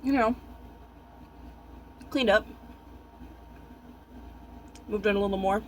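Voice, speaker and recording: A young man chatting casually while eating, talking with his mouth full in halting, musing short thoughts. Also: sits high, a little hiss or hum.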